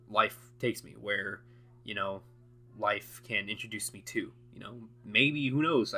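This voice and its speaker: A man's voice: fairly low pitch, sharp tone. A young man recording an unscripted audio diary, rambling and hesitant with many fillers and restarts, often breaking into laughs. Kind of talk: unscripted casual monologue.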